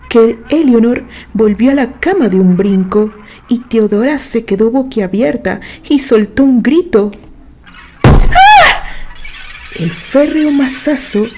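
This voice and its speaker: A woman from Mexico with a Mexican accent, reading a horror novel aloud in a measured, deliberate storytelling manner. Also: mid-range voice, warm tone, slight background noise. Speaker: narrator.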